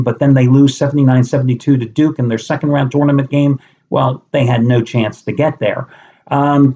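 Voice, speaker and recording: Middle-aged male handicapper, casual and blunt, mid-pitched voice, slightly muffled lo-fi sound. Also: warm tone. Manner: blunt and conversational, with mild swearing. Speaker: sports handicapper. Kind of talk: sports betting preview monologue. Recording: slightly dull lo-fi recording.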